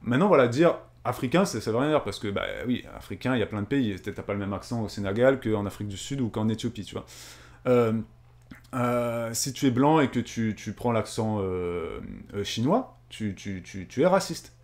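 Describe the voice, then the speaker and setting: A man's voice: mid-range voice, animated, moderate pace, darkish tone. A man from Réunion co-hosting a casual live stream, reading viewer comments and answering them earnestly, thinking aloud in long winding sentences. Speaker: streamer and co-host.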